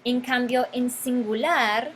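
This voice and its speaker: A woman's voice: fairly high pitch, slow pace, slight background noise, low-quality recording. A woman teaching a grammar lesson, stretching out key words and repeating them for her students. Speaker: Spanish teacher.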